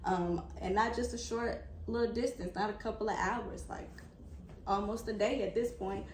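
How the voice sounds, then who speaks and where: A woman's voice: mid-range voice, fairly even intonation, normal speed, a little mellow. A young woman vlogger, earnest and reflective, talking openly with her father over a meal. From United States. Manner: earnest and reflective, repeats herself for emphasis. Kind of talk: heartfelt sit-down conversation over a meal. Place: indoors at a table. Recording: echoey room with faint background noise.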